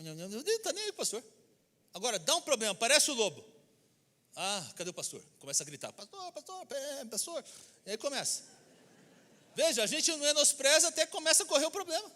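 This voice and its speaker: This is a man with a very high, pushed, bright voice and a Brazilian Portuguese accent, giving a sermon as a church pastor. He is emphatic and mimics the people he quotes. The sanctuary lends the audio a long reverb.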